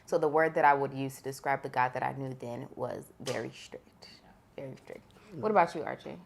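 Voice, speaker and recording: A woman with a notably low voice co-hosts a casual podcast. She talks in an easy conversational way and steers the talk with questions. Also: fairly quick, gravelly, a little hiss or hum. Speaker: podcast co-host.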